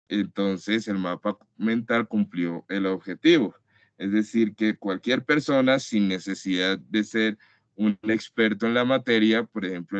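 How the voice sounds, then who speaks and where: Low-voiced man teaching a web class, patient, dry dull mic. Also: no echo. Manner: patient, explanatory, many "entonces" and restarts. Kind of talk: online class lecture. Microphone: computer mic in a web conference. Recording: dry, slightly dull web-conference audio.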